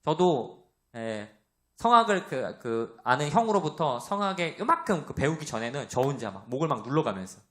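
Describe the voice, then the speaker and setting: Young male pastor, loud and animated, sermon delivery, fairly high voice with a lively swinging pitch. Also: moderate pace. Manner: animated, acts out quoted voices, asks the congregation questions.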